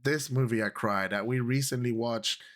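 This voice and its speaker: A Puerto Rican YouTube creator in his thirties talks casually to camera, chatting with his viewers, rambling a little and switching into Spanish phrases. He has a Puerto Rican accent, a mid-range voice, a fairly bright tone and normal speed.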